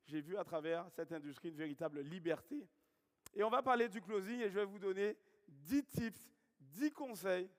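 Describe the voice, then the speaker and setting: A man from Guadeloupe in his thirties giving an energetic motivational talk from a stage, often calling out questions to the audience. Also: high voice. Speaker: seminar speaker. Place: large hall with live audience. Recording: long hall reverb.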